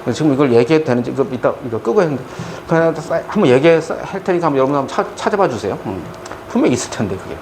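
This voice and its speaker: A middle-aged man lectures a class on math, breaking into joking stories along the way. His voice sits somewhat high and swings widely as he talks. Faint room ambience hangs behind him. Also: rapid-fire, a little hiss or hum. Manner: animated, joking, chatty with students. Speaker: math tutor. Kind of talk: lecture with storytelling asides.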